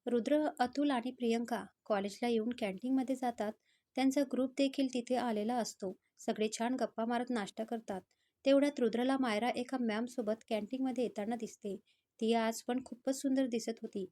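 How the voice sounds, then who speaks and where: Woman storyteller, steady reading, slightly high and mellow. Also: moderate pace. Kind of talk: scripted story narration.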